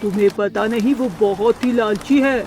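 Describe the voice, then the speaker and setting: A woman voicing a calm, kindly male parrot in a cartoon, speaking in a reassuring way. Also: a little high, moderate pace, heavy background noise, lightly acted. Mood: concerned.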